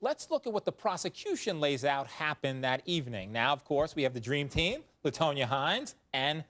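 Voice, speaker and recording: Lively-voiced man hosting a legal panel. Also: on the high side. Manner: brisk, leading, asks "right?" often. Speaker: TV legal news host.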